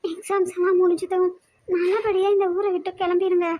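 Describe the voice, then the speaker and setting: A woman voicing an anxious, tearful young woman student in a cartoon, fretful and quick to argue. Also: very high-pitched, level tone, warm tone. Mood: upset, sulky. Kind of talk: cartoon voice acting.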